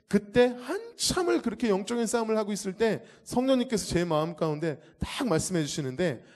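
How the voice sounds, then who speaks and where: Man, church testimony, fairly high voice, very lively pitch, acts out the story. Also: a little fast. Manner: vivid storytelling, acting out the scenes. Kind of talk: animated testimony before an audience. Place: church hall.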